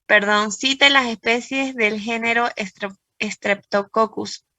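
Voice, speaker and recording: A woman's voice: fairly high pitch, fairly even intonation, slow pace, sharp tone, no echo. A woman medical student answering hesitantly in an online class over a video call.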